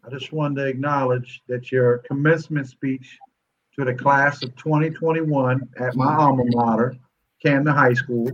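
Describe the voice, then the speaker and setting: A man's voice: medium pitch, steady tone, moderate pace. A man jumping in on a video call to cheer on a fellow graduate. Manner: interrupting, cheering on. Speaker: panel guest. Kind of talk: casual congratulations on a video call. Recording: muffled lo-fi call audio with faint noise.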